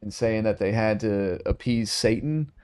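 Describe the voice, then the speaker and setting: A man's voice: fairly low pitch, darkish tone, clean tone, no echo, clean studio sound. A man co-hosting a podcast, chatting casually and searching for his words. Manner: halting, searches for words with fillers. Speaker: podcast co-host. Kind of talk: casual chat.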